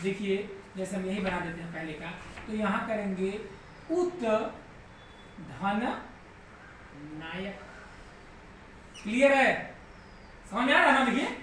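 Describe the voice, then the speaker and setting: A man's voice: high-pitched, bright, forceful tone. A man teaching a live online grammar class, patiently repeating each step and often checking that students follow. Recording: very echoey room, voice far from mic, faint background noise.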